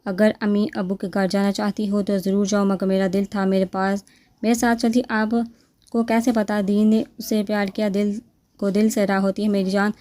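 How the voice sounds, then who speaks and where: A woman's voice: medium pitch, flat delivery, mellow, no echo, lightly acted. Woman reading a doting young husband. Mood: tender.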